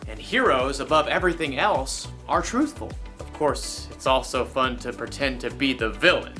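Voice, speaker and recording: A man's voice: medium pitch, moderate pace, pushed and bright, soft background music. A man hosting a children's show, presenting scripted lines in a playful, theatrical way.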